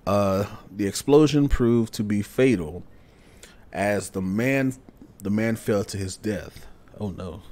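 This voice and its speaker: A man giving horror game playthrough commentary as a streamer, halting and hushed as he talks to himself. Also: fairly low pitch. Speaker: gaming streamer.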